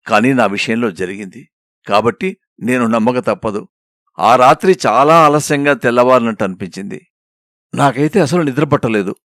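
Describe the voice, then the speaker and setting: A man reading a story aloud as narrator, in an expressive, emotive storytelling manner. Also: mid-range voice, no room sound, clean studio sound. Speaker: story reader.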